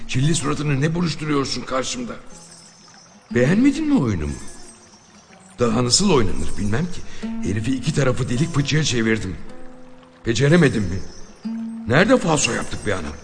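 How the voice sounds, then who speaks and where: A man voicing a defiant, wry outlaw man who has been shot, speaking in a low, subdued inner monologue. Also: huge pitch swings, normal speed, vocal fry, pauses often, big-room sound, music in the background. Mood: dazed, wry.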